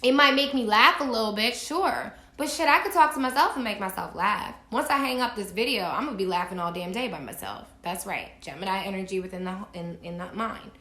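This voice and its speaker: A woman's voice: mid-range voice, animated, a little fast, hardly any pauses, pushed and bright. A woman vlogging from home, giving emphatic, preachy spiritual advice straight to her viewers and swearing casually. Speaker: astrology vlogger. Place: indoors at home. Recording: echoey room.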